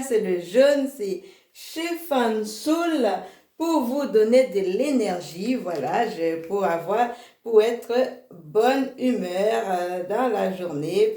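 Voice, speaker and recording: A woman presenting a product range in a casual video, hesitant, full of fillers and restarts, and quick to laugh at herself. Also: mid-range voice, mellow. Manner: slow, halting delivery. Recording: echoey room.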